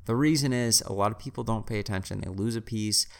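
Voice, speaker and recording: Young man, low voice, resonant tone, casual rambling chat, self-mocking. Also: fast, gravelly. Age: 20s. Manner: rambling, restarts and self-corrections; wry, self-mocking humor. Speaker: reseller vlogger. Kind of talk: casual storytelling monologue.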